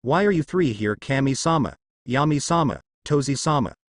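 Man doing a shy young male ninja, polite and curious, lively pitch, dry close sound. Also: normal speed, no echo, natural voice. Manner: respectful, curious.

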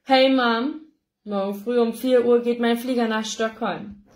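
Woman reading a young guy's quick goodbye note, brisk and offhand, a bit higher, echoey room. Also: steady tone, natural voice. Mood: breezy. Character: young man writing a brief, hurried farewell note.

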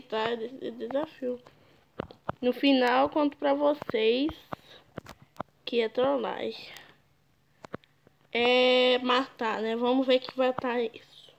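A young woman speaks in a high, gravelly voice, drawling her words. She chats and teases through casual game commentary. The recording is dull and lo-fi, with a faint hiss underneath. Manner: chatty, teasing, exclaims often. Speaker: gaming YouTuber.

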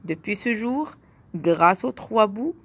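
A woman narrating a children's tale as a storyteller, slow and expressive. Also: medium pitch, breathy edge, dry recording.

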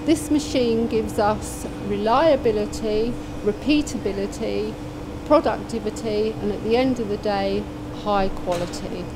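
A woman in her fifties, a production team leader, explaining a machine on a factory floor in a friendly, brisk way. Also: medium pitch. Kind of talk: on-camera explanation. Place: electronics factory floor, indoors. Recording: factory noise behind.

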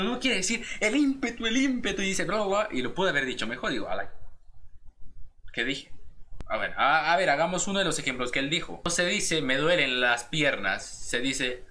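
A man's voice: high-pitched, sharp tone. A young man with a Guatemalan accent, casually commenting on a video, rambling and interrupting himself and mimicking phrases in exaggerated voices. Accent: Guatemalan Spanish. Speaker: reaction video host.

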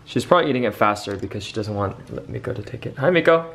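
A man's voice: lowish voice, expressive, fast talker, vocal fry, slight background noise. A young man chatting playfully to the camera as he vlogs at home in the kitchen. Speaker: vlogger. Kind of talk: casual home vlog.

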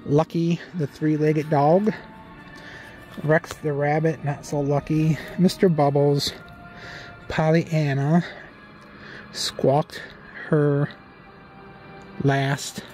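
A man's voice: a little high, flat delivery, extremely slow, long pauses, warm tone, soft background music. A middle-aged man casually narrating a walk through an outdoor haunted farm at night, reading the signs aloud with dry jokes, into a handheld phone. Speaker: vlog host.

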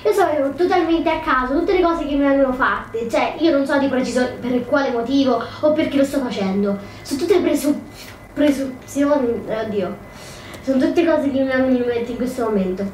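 A woman's voice: high voice, normal speed, a little mellow. A woman casually commentating her gameplay, thinking aloud, hesitant and correcting herself often. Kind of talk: casual let's play commentary. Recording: roomy, distant mic, faint noise.

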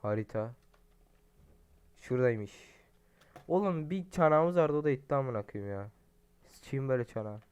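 Smooth-voiced man cursing through a game. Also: medium pitch, moderate pace, pauses often. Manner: profane, excitable, talks to viewers. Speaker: gaming streamer. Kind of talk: casual let's-play commentary.

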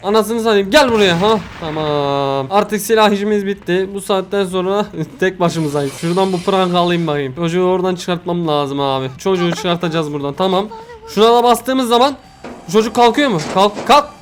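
A man with a high voice rattles through let's play commentary at a fast clip. He is excitable, talks straight to the characters on screen and swears often. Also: slight background noise. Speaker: gaming video host.

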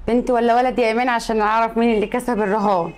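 A woman's voice: a little high, fairly even intonation, racing, lightly acted. A woman playing a young Egyptian sister who insists on her bet money, demanding and relentless, in a comedy sketch. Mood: insistent.

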